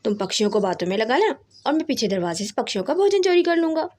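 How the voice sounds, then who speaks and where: A woman's voice: fairly high pitch, sing-song, fast talker, darkish tone. Kalu, a woman voicing a sly greedy crow. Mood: scheming. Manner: boastful, conspiratorial.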